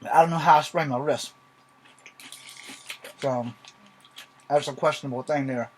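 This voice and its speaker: A man with a voice a little higher than average speaks in loose, rambling vlog style. He is blunt and informal, dropping swear words freely. He comes across as a martial arts vlogger talking straight to his viewers. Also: steady tone, moderate pace, a little hiss or hum, poor audio. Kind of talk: casual rambling vlog talk. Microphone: filming from a laptop.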